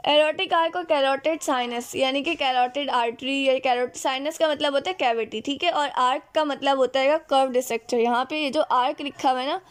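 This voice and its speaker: A woman, teaching a recorded biology lecture. She works through diagrams step by step, asks questions and answers them herself, and fills her pauses with "theek hai" and "achha bhai". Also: sits high.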